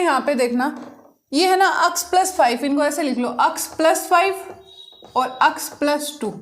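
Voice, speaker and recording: High-voiced woman teaching maths. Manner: asks the class questions and answers them herself. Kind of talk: classroom lesson explaining problems.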